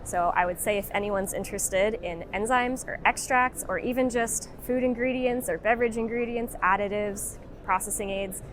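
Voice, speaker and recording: A woman representing her company, giving an upbeat promotional pitch in a trade show interview. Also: moderate pace, few pauses, slight background noise.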